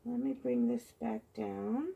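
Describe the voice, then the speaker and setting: A soft-spoken woman gives casual, chatty narration while pouring and tilting acrylic paint at an indoor craft table, muttering as she goes. Her voice is hoarse and froggy, on the high side, fairly even in intonation and a little slow, captured by a phone mounted high above the table.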